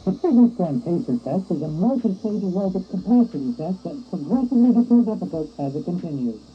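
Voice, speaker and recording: A man's voice: high-pitched, animated, a little fast, faint music behind. A man's voice heard as playback from a homemade record disc, muffled and hissy, as he tests a toy recorder. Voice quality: hissy, muffled, dull sound. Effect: his voice played back from a homemade record disc, lo-fi with hiss. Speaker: vlogger testing a toy recorder.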